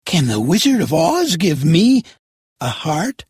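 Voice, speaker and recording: A storyteller voicing a gentle, lonely man made of tin in a storybook, earnest, polite and plaintive. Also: mid-range voice, very animated, slow, slightly rough, no echo, studio quality, voice pushed up, full character voice. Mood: wistful.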